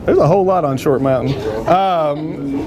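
High-voiced joking man teaching a class. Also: normal speed, highs cut off, a crowd in the background. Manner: joking, rambling, self-deprecating. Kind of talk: casual classroom talk.

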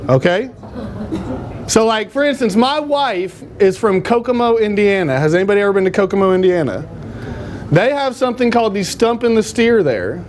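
A man's voice: high voice, a little hiss or hum. A man teaching a church class in a casual, joking, rambling way. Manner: joking, rambling, self-deprecating.

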